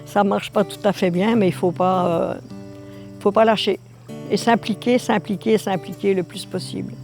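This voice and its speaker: An older woman from Belgium, telling her immigration story in a documentary with lively, repetitive emphasis. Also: mid-range voice, normal speed, soft background music. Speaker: interviewee. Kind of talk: documentary testimony.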